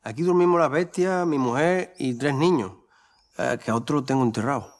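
A man's voice: medium pitch, moderate pace, a little hiss or hum, natural voice. An actor playing a poor, hospitable village man with a folksy, curious way of talking.

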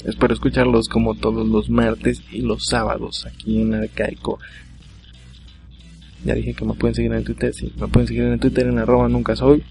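A man's voice: medium pitch, monotone, moderate pace, creaky, darkish tone, soft background music. A man with a Mexican accent hosting a solo comedy podcast, rattling off jokes in a casual, slangy way and laughing at his own lines. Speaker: podcast host.

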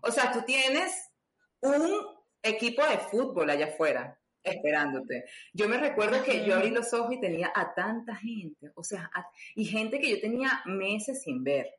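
A woman's voice: medium pitch, very animated, normal speed, a bit bright. A woman telling a personal story, chatty, with many fillers and acted-out dialogue. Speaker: guest. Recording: roomy echo.

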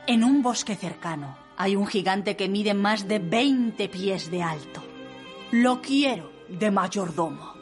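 A woman's voice: medium pitch, lively intonation, slow pace, soft background music. A woman voicing a haughty, manipulative young cartoon princess in a formal, coaxing, theatrical manner. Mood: coolly demanding. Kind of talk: cartoon film acting.

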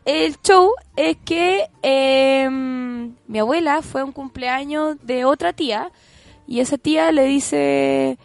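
A woman's voice: sits high, slow pace, creaky, soft background music. A young woman with a Chilean accent, hosting a podcast and telling a family story in casual chat, laughing often and acting out the quotes. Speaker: podcast host.

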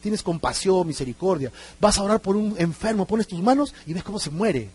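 A man preaching a sermon to his church, animated and acting out little exchanges between church members. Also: high-pitched, brisk, breathy edge. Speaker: pastor.

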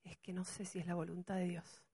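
A middle-aged woman pastor, preaching an animated sermon full of rhetorical questions. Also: on the low side, a little fast, breathy edge.

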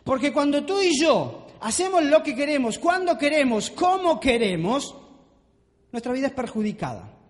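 High-voiced preacher in a reverberant hall. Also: male voice, big pitch swings, normal speed. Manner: repetitive rhetorical questions to the congregation. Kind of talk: sermon. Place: church hall. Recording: long reverb of a large hall.

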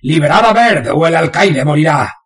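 A man voicing a brutal hulking male convict, shouting menacing commands in a husky voice. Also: fairly high pitch, takes it slowly, far from the mic, pitched above the performer's own voice. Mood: furious.

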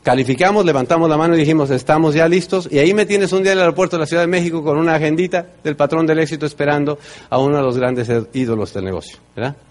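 A middle-aged man with a Mexican accent, giving a motivational talk and telling his story, with loud bursts and soft low asides. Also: racing. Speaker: speaker at a business event.

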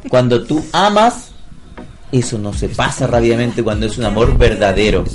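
A man's voice: mid-range voice, lively intonation, moderate pace, a little hiss or hum. A man with a Chilean accent co-hosting a youth show, teasing a guest and talking earnestly about faith. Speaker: co-host. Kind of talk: casual chat turning to preaching.

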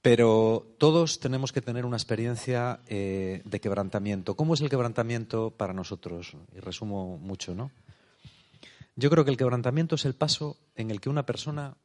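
A man's voice: mid-range voice, darkish tone. A man giving a thoughtful spiritual talk, often checking in with "eh?" and "no?". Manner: thoughtful, unhurried, tag questions like "eh?" and "no?". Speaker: preacher.

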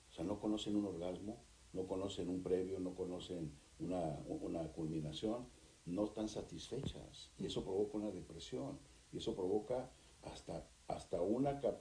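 The deep-voiced man is a therapist and author being interviewed, speaking with animation and mimicking couples in rapid voices. The low-quality recording sounds roomy, with a bit of hiss or hum.

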